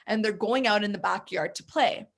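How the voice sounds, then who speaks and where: A woman in casual conversation, an animated storyteller who acts out the voices in her tale. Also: mid-range voice, normal speed, vocal fry. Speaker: podcast guest.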